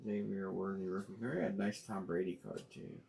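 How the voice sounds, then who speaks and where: Low-voiced man rambling on a live stream. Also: fairly even intonation, moderate pace, creaky, a little mellow. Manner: rambling, thinking aloud with many fillers and restarts; plainspoken and blunt, uses slang. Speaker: host of a live sports card break stream. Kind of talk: casual live-stream chat.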